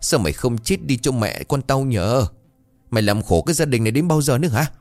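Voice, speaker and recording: A man voicing a shrill, abusive middle-aged mother who screams curses at her daughter in rapid tirades. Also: big pitch swings, darkish tone, no room sound, soft background music. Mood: screeching, abusive. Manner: cursing, screeching, rapid tirades.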